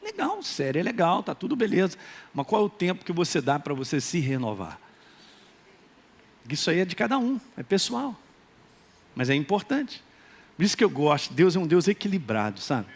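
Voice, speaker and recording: A male pastor with a Minas Gerais accent preaching a lively sermon and acting out quoted voices. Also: sits high, moderate pace, long pauses, slightly rough. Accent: Minas Gerais Brazilian Portuguese. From Minas Gerais, Brazil. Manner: animated, acts out quoted voices, calls for responses.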